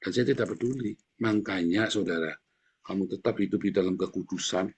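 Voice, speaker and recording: A middle-aged male pastor preaching a sermon in a blunt, combative way, with lively swings in his delivery. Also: sits low, fairly quick, husky.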